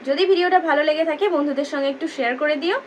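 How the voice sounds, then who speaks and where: A woman gives a lesson in a high, clear voice. She explains patiently, repeating and spelling out each key term. A faint hum sits under the recording. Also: quick pace, muffled recording. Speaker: teacher.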